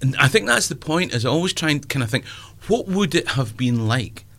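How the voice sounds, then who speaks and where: This man's mid-range voice is sing-song and brisk, with a sharp edge. He's a Scottish stand-up in his fifties having a casual interview chat, making fun of himself and throwing in plenty of asides.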